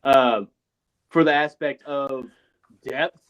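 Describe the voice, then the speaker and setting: A man with a mid-range voice rambles through a casual sports chat, frank and loose with the odd swear. His voice comes through thin and hollow with no low end, boxed in like a phone booth. The dull, lo-fi earbud mic takes the body out of every word. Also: steady tone, slow pace, fairly bright tone. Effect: thin boxy sound with no bass, like a phone booth. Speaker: podcast co-host. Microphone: failing wireless earbuds over a remote call.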